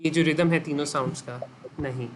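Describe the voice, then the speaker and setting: Against background noise, this man speaks fairly quickly in a fairly high voice with fairly even intonation. Lecturing a medical class with a Pakistani Urdu accent, he asks the students questions and echoes what they answer, weaving English medical terminology into his talk.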